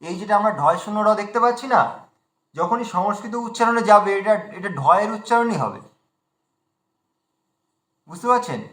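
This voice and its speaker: High bright male teacher drilling syllables. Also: animated, roomy sound. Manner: drills syllables slowly, repeating sounds. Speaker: Sanskrit recitation teacher. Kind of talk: online pronunciation class. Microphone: video call.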